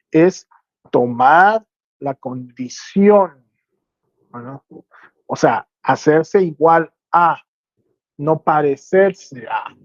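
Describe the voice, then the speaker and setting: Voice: medium pitch, darkish tone, dry recording. A Bible teacher giving a teaching sermon, explaining step by step and checking with rhetorical questions whether listeners follow. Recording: dull lo-fi dry sound.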